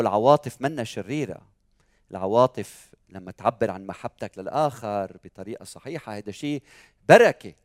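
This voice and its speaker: A man preaching a sermon. He asks rhetorical questions and moves from loud peaks to soft asides. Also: mid-range voice, no room sound, studio quality. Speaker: pastor.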